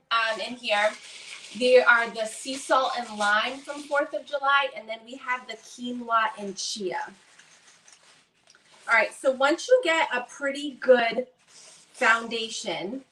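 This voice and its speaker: A woman's voice: on the high side, a bit bright, a little hiss or hum. A woman with a Boston accent doing a chatty, upbeat live cooking demonstration in a home kitchen. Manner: upbeat, chatty, talks to viewers while working. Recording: echoey kitchen, mic at a distance.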